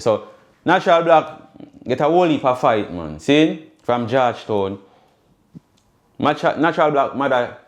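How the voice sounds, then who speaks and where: A man's voice: on the low side, a little mellow. Jamaican man, emphatic patois commentary. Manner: keeps tagging points with a questioning "see?"; emphatic, loose storytelling in patois. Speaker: host. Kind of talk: casual commentary monologue.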